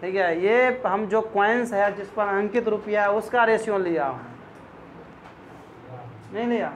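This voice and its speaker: A man's voice: sits high, measured pace, slight background noise. A man teaching a maths class, explaining step by step and often quizzing his students.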